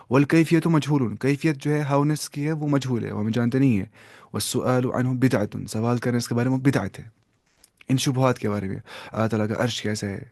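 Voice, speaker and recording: Guy teaching a religion class, mid pitched voice, explains step by step, throws in english words, dry close sound. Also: vocal fry, a little mellow, dry recording. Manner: explains step by step, mixes in English terms and quoted Arabic. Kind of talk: classroom lesson on hadith.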